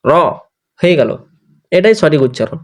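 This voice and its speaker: A man's voice: fairly high pitch, big pitch swings, moderate pace, a little mellow. Patient man drilling letter sounds. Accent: Bangladeshi Bengali. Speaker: Quran recitation teacher. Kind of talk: online tajweed class recap.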